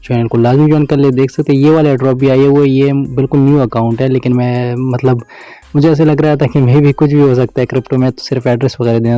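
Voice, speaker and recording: A man walks viewers through a screen-recorded crypto tutorial, rattling along quickly. His voice is dark and mellow, recorded close and dry, with dull lo-fi sound and faint music underneath. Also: medium pitch, no room sound. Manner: fast, instructive, repeats filler phrases. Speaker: crypto YouTuber.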